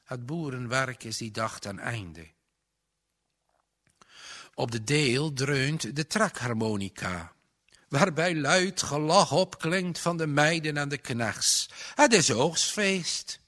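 A man reading a rural drama aloud in a solemn, expressive way. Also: medium pitch, slow pace. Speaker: narrator.

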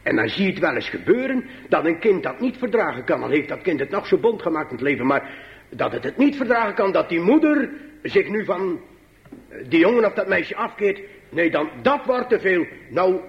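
A man preaching to his congregation, slow and emphatic, swinging between high pleading passages and low quiet asides. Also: very animated, creaky, dull audio. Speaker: pastor. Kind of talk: sermon.

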